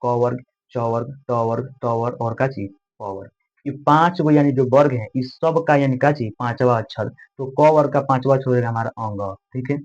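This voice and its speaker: A male teacher walks students through a grammar lesson. He repeats each term slowly and quizzes the class as he goes, at a middling pitch. The recording sounds dull and lo-fi. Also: a little mellow. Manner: repetitive, drills terms slowly.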